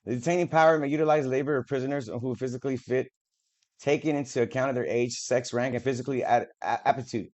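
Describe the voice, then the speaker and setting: A man's voice: medium pitch, darkish tone. A man reading official documents aloud to the camera, stumbling over words and breaking off for casual, profane asides. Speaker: video creator. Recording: dull lo-fi audio.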